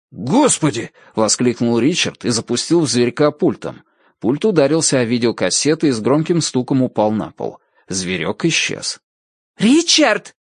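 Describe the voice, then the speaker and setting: Expressive male audiobook narrator. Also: medium pitch, no room sound, studio quality.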